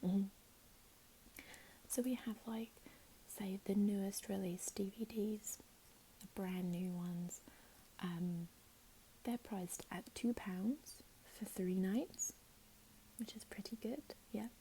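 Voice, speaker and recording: A woman playing a helpful, chatty librarian in a whispered role-play, speaking in a gentle, unhurried library whisper. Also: mid-range voice, steady tone, slight background noise, rough recording. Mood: helpful, calm. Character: helpful, chatty female librarian signing up a patron.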